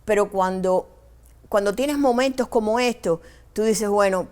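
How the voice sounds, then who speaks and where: A woman's voice: mid-range voice, a little slow, clear, resonant tone. Cuban woman telling vivid memories. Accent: Cuban Spanish. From Cuba. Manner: animated, acts out quoted dialogue; frequent restarts and hesitations. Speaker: interview guest, journalist. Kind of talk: emotional personal storytelling.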